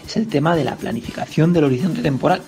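A man, a financial planner, giving clear, didactic advice in a radio segment. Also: on the high side, quick pace, a little mellow, soft background music. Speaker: financial planner, section host.

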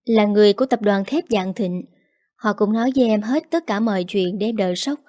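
A woman's voice: medium pitch, a little fast, warm tone, natural voice. A woman voicing an injured young man who earnestly soothes and reassures his older sister. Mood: explaining.

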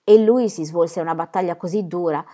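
A woman reading a classic novel aloud as an audiobook, with expressive storytelling. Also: on the low side, a little fast. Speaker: audiobook reader.

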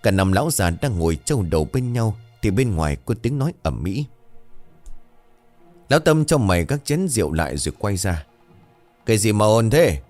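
Low-voiced man narrating a horror tale. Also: brisk, no room sound, faint music behind. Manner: dramatic, expressive reading. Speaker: storyteller. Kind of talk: scripted horror story narration.

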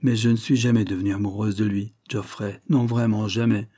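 A man voicing a chattering young woman, a lord's sister, with a twittering little voice that gushes on without pause. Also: fairly low pitch, flat delivery, dark tone, close to an everyday voice.

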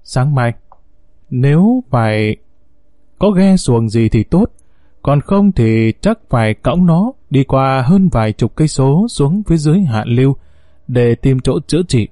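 A male storyteller reads a first-person tale in a steady, unhurried way. His voice is mellow and darkish, and the recording is dry and close, with no room sound. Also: medium pitch, dry recording. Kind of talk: scripted story narration.

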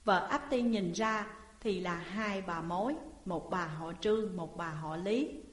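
A woman reading a classical tale aloud as a storyteller, voicing the characters' lines with shifting pitch and energy. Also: measured pace. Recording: echoey room with long reverb.

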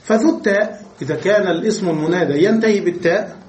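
A man with a high-pitched voice gives a patient classroom grammar lecture. He lays out each rule step by step and keeps asking the class if they follow. He is recorded from across an echoey room, so his voice sounds distant. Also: quick pace, a little mellow. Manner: explains step by step, often checks understanding with questions. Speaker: Arabic grammar teacher. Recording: echoey room, voice far from the mic.

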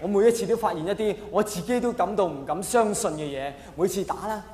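Speaking fast in a high-pitched yet mellow voice, a Hong Kong Cantonese-accented man delivers a theatrical, self-mocking stand-up routine before a live crowd. The large comedy venue sounds like an echoey hall with faint noise.

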